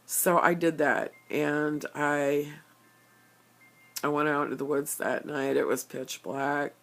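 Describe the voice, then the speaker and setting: An older woman tells a personal story at a slow, unhurried pace. She talks haltingly, with many fillers and stammered restarts. She is earnest and openly emotional. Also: low-pitched, flat delivery, a bit bright.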